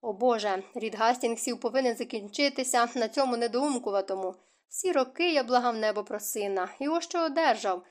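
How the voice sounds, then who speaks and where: A woman reading the lines of an angry, proud middle-aged duke who bellows and shouts in an audiobook. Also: a little high, fairly quick, lightly acted. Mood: despairing.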